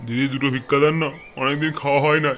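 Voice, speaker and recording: A man's voice: medium pitch, steady tone, rapid-fire, a bit bright, lo-fi sound, a little hiss or hum, natural voice. A man playing a whining crazed beggar. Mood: pleading. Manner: whining and pleading. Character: dazed, pleading male beggar gone mad. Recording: music behind the voice.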